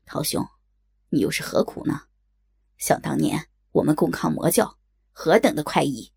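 A woman's voice: deep voice, lively intonation, moderate pace, gravelly, darkish tone, breathy edge, pitched below the performer's own voice, heavily acted. A woman voicing a righteous young male swordsman who speaks with indignant reproach, in an audiobook story. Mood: reproachful.

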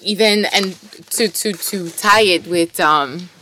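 A woman's voice: lowish voice, slow pace, pushed and bright. A woman whose first language is French, co-hosting a casual, enthusiastic discussion of articles and poetry.

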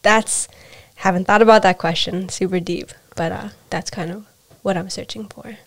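Speaking at a moderate pace with a medium-pitched, steady voice, a young American adoptee reflects candidly in an interview. She's introspective and frequently repeats phrases as she hunts for the right words.

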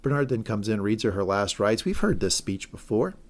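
Co-hosting a casual podcast, a man with a fairly low voice goes through a TV episode scene by scene, rambling, correcting himself and speculating about the plot. He talks briskly, with big swings in pitch.

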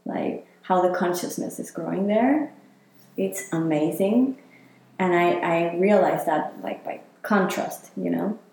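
A woman's voice: on the low side, takes it slowly, gravelly, a little mellow, a little hiss or hum. A woman from Chile, talking reflectively in a casual interview and using many fillers. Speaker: interviewee, healer. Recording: very echoey room.

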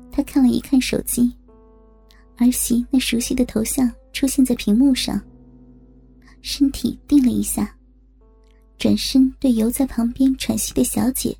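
High, breathy woman narrating a story. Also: dark tone.

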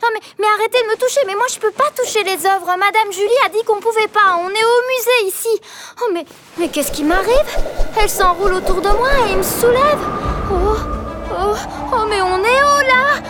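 A very high, piping little girl, curious and bursting with imagination. Her voice is breathless and giggly, with soft music running beneath her storybook adventure. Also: normal speed. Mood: excited. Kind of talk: children's audio drama acting.

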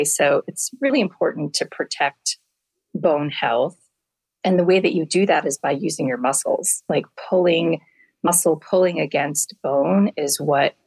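Brief: middle-aged woman doctor, deep gravelly voice, husky and hoarse, candid and homely. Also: darkish tone, no room sound, rough recording. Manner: candid, explains with homely comparisons. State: hoarse from allergies. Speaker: family medicine doctor, guest. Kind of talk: casual interview answers.

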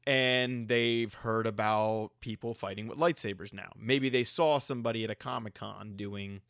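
A man co-hosting a podcast, laying out an example step by step in a casual way with frequent pauses. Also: lowish voice, steady tone, gravelly, a bit bright, dry recording, clean studio sound. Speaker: podcast co-host.

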